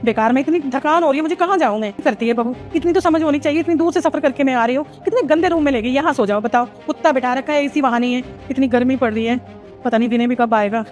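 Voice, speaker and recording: A woman's voice: sits high, fast talker, a little mellow, faint music behind, lightly acted. A woman playing a fussy, easily offended mother-in-law in a family drama, complaining and indignant. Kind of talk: Hindi family drama acting.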